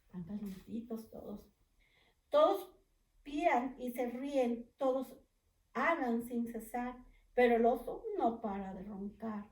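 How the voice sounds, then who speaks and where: A woman preschool teacher reads a picture book aloud, slow and gentle, with a somewhat high voice. She pauses to ask the children questions. The recording is echoey, with the mic set far back. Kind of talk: children's storybook read-aloud.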